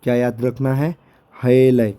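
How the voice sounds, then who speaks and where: A hoarse man with a sore throat, giving a patient lecture over a screen recording and repeating syllables slowly to drill them. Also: medium pitch, little pitch movement, dark tone. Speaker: teacher.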